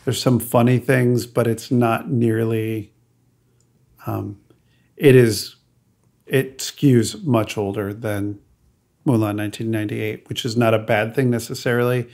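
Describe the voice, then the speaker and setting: Podcast co-host, male, gravelly voice, chatty and hesitant. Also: medium pitch, fairly even intonation, unhurried, a little mellow. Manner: chatty, hesitant, with restarts and laughs. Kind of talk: casual chat.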